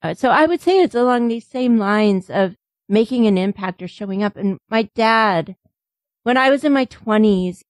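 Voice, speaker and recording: An American woman hosts a casual podcast chat, chatty and affirming as she talks. Her voice sits at a middle pitch. It is recorded dry and close, with no room sound. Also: expressive, moderate pace, dry recording. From United States. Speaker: podcast host.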